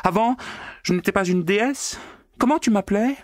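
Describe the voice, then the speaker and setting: A man voicing a cheeky, gleeful young maid turned witch in a shrill, high, raised voice. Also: moderate pace, no echo, studio quality, close to an everyday voice. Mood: insolent.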